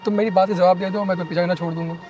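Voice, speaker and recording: A man's voice: sits high, steady tone, rapid-fire, a little mellow, dull audio, soft background music, natural voice. A young man in his twenties playing a brash, pushy stalker who wheedles and brags. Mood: pleading. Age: 20s.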